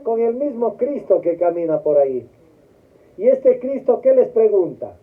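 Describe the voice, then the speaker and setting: A priest with a high voice preaches a memorial homily slowly and steadily. He keeps asking the congregation questions and pauses for their answers. The sound is thin and tinny, like it is coming over a phone line. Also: very animated. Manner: asks the congregation questions and lets them answer.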